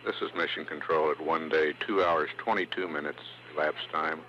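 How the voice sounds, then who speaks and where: Male mission announcer heard over radio; very low, flat voice, lo-fi hummy transmission. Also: moderate pace. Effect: radio transmission sound. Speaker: mission control commentator. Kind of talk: formal status announcement. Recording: dull lo-fi radio audio with faint hum.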